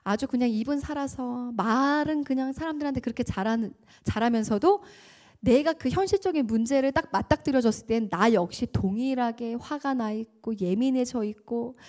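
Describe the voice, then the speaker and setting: A woman's voice: on the high side, darkish tone. A woman giving a church testimony as a guest speaker, telling her story vividly, acting out dialogue and laughing often.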